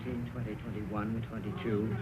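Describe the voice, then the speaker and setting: A man's voice: fairly low pitch, flat delivery, fairly quick, a crowd in the background, lightly acted. An actor playing a meek male clerk in a 1930s radio drama, counting and singing to himself. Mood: absorbed, meek. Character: meek male clerk humming while tallying figures. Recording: tinny old radio recording, loud music.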